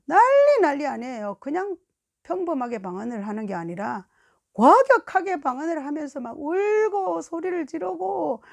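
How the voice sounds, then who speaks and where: A woman preaching a sermon, telling a lively testimony and acting out the dialogue of the people in her story. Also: sits high, creaky.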